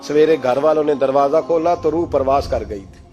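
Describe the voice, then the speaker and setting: A man delivering a storytelling sermon in a high voice. He swings from loud, emphatic peaks down to hushed lines. Soft music runs faintly behind him. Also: moderate pace. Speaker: preacher.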